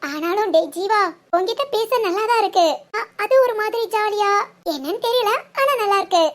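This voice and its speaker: A voice actress doing a very high teasing village girl. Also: normal speed. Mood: playful scheming. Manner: teasing, chatty. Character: playful teasing young village woman. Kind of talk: Tamil cartoon voice acting.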